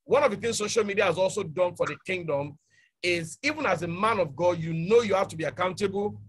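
Emphatic man, high voice. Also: fast, husky. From Nigeria. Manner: emphatic, repeats key points. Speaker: panel speaker. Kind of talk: online panel talk.

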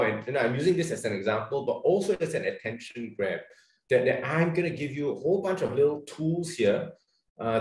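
A man with a Singaporean accent runs a casual online training workshop, chatting loosely with plenty of fillers and restarts. His voice is mid-range and a little mellow, captured with poor audio in an echoey room.

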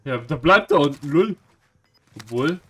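A man giving live gameplay commentary, jumpy and anxious, swearing and mocking himself, swinging from low mutters to sudden shouts. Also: animated, measured pace, husky. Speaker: gaming streamer.

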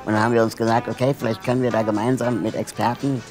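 Man lecturing with many filler pauses. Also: medium pitch, little pitch movement, music in the background. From Germany. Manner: thoughtful, frequent hesitation fillers. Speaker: social project founder giving a lecture. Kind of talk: explanatory lecture talk. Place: lecture hall with student audience.

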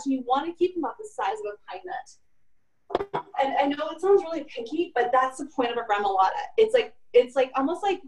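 A cooking instructor with a high-pitched yet darkish voice runs a chatty, casual demo in the kitchen of her old apartment, filling gaps with "like" and "kinda." She's far from the mic, in an echoey room.

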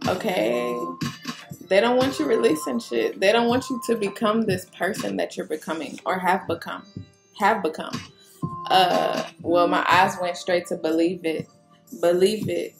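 A woman giving a casual tarot reading straight to the viewer, rambling, laughing and swearing as she goes. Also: mid-range voice. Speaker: tarot reader. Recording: roomy echo with clear music behind.

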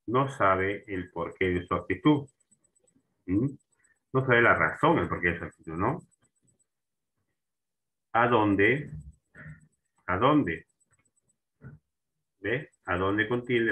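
A man's voice: fairly low pitch, pushed and bright, poor audio. A man teaching a grammar lesson, repeating terms and checking in with his students as he goes. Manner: slow and repetitive, restarting words and asking for agreement.

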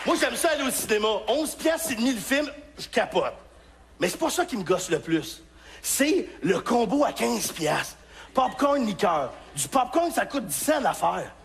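High, animated Québécois comic. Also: male voice, moderate pace, vocal fry, some chatter behind. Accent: Québécois French. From Quebec. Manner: animated storytelling with shouted punchlines. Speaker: stand-up comedian. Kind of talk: stand-up comedy. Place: comedy stage before a live audience.

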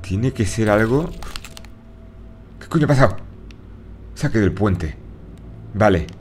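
A man's voice: lowish voice, lively intonation, measured pace, darkish tone, a little hiss or hum. A man with a Spain Spanish accent giving live commentary while playing a horror game, talking to himself, jumpy and swearing often. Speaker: gaming streamer.

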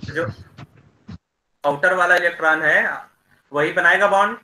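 A man teaching chemistry in an online class, explaining slowly and checking in with his students often. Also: high voice, sharp tone, reverberant, a little hiss or hum, low-quality recording.

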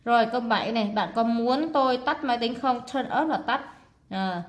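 A woman with a Vietnamese accent, an English teacher explaining exam answers in a relaxed way with many filler sounds. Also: fairly high pitch, a little fast.

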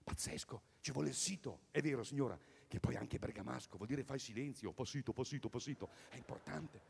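A man doing a rambling stand-up comedy routine at a live concert, swinging between loud bursts and mutters. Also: mid-range voice, a little fast, gravelly, big-room sound, a little hiss or hum. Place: outdoor tennis courts at a live event.

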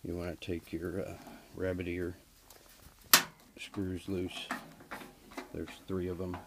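In a slow, gravelly, low voice with a level tone, a man who fixes HVAC systems talks through a hands-on repair step by step, filler words cropping up often. The very noisy footage comes from a camera he carries while working in a basement furnace area and on the workshop floor.

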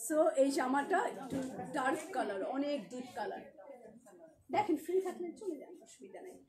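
A woman's voice: high voice, expressive, moderate pace, a crowd in the background. A woman with a Bangladeshi Bengali accent, a shop owner selling clothes on a live stream, chatty and joking as she greets viewers by name.

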